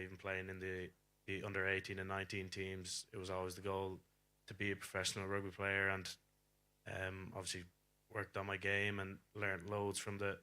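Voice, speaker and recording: Young galway irish lad in a casual interview, deep voice, bright tone, pretty flat. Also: male voice, smooth. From Galway, Ireland. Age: young adult. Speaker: professional rugby player, interview guest.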